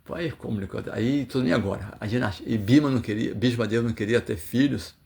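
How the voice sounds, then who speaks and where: A male religious teacher with a Brazilian Portuguese accent comments on scripture in a loose, storytelling way. His voice is gravelly and sits at an ordinary middle pitch. He stumbles and restarts often as he acts out the figures in his stories. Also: fast talker, a little mellow. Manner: storytelling with acted quotes, many fillers and restarts.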